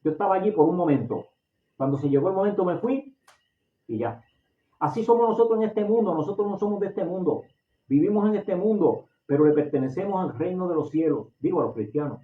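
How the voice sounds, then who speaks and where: A man's voice: high voice, expressive, a little fast. A man from Puerto Rico with a Puerto Rican accent, preaching a sermon with passion, often repeating and restarting his phrases. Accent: Puerto Rican Spanish. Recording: echoey, distant, phone-like audio.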